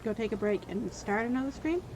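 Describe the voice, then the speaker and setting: Hoarse, lively woman streamer ranting. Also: on the high side, a little fast, slight background noise, low-quality recording. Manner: rambling, venting, jumping between rant and game. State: voice wearing out, hoarse. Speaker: game streamer. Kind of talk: live gameplay commentary.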